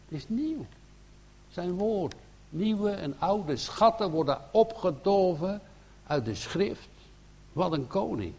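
A man's voice: medium pitch, slightly rough, muffled recording. A man with a Dutch accent preaching a sermon as an evangelist, earnest, with many restarts and emphatic bursts.

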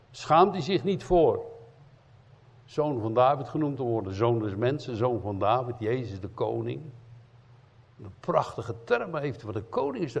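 A man preaching a sermon in as an evangelist, emphatic, swinging between loud cries and quiet earnest asides. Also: medium pitch, vocal fry, slightly rough. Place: church hall. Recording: dull lo-fi sound in a reverberant church hall.

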